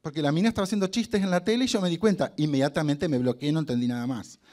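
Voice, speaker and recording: A man's voice: on the high side, rapid-fire, darkish tone. Chatty Argentine man telling stories on stage. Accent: Argentine Spanish. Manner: humorous, anecdotal, acts out quoted dialogue. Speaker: guest speaker. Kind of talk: motivational storytelling talk.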